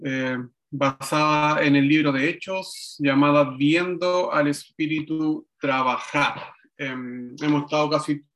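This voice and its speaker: A man preaching a sermon, slow and reflective, with frequent pauses and restarts, for an online service. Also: a little high, steady tone, a bit bright. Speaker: pastor.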